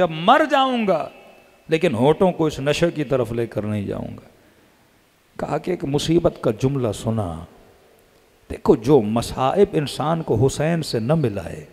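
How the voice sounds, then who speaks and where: A man's voice: medium pitch, lively intonation, measured pace, vocal fry, pauses often, darkish tone, husky, big-room sound. A man, a cleric, preaching a religious sermon that he drives with rhetorical questions he answers himself in repeated chants.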